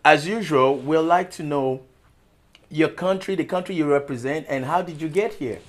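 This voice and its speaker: A man's voice: fairly high pitch, normal speed. A man who is a pastor, hosting a TV interview show in a formal, welcoming manner. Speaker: talk show host and pastor.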